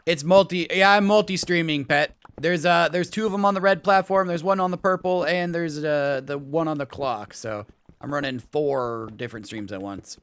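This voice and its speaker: Chatty male streamer with a bright, high voice. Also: moderate pace, clean tone. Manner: chatty, reads out chat, thanks viewers, bursts of excited laughter. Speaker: live streamer. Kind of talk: casual live-stream chat.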